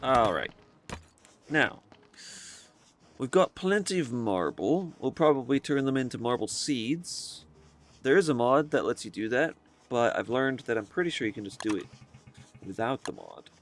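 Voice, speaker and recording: A man's voice: medium pitch, big pitch swings, measured pace, pauses often. A man hosting a casual let's-play, thinking aloud as he plays and often rambling and correcting himself. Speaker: gaming video host.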